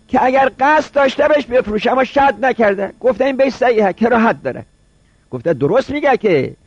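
A man's voice: high voice, fairly bright tone, dry recording, dull audio. A man giving a seminary jurisprudence lecture, repeating each point and posing rhetorical questions. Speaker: seminary teacher.

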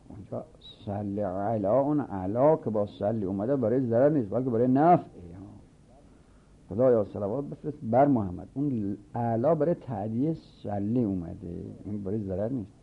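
A man teaching a seminary grammar lesson. He reads a line of the text aloud, then explains it step by step and repeats his examples slowly. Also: lowish voice. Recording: narrow phone-like sound.

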